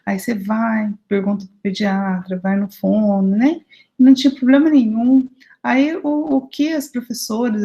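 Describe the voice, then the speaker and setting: A woman's voice: a little high, a little mellow, low-quality recording. Chatty Brazilian woman leading a study group. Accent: Brazilian Portuguese. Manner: chatty storytelling, often asks the group for agreement. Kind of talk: informal spiritual study group talk.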